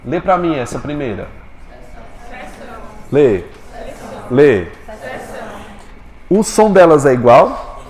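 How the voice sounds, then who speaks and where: A male teacher giving a Portuguese lesson in a classroom, quizzing his students with quick questions. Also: a little high, big pitch swings, a little mellow, reverberant, long reverb tail.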